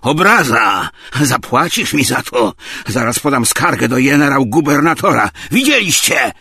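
A hoarse, spiteful bully bellows insults high and loud, as a male narrator puts him on. His voice swings wildly and carries a husky edge, close and dry with no room around it. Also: big pitch swings, slow, no room sound, exaggerated voice. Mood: outraged. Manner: shouting, mocking, abusive. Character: coarse, spiteful middle-aged man, hoarse and bullying.

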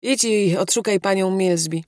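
A woman's voice: mid-range voice, normal speed, darkish tone, no room sound, natural voice. A woman voicing a good-humored male aristocrat in an audiobook, speaking with dry, teasing understatement. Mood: wry. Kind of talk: audiobook character reading.

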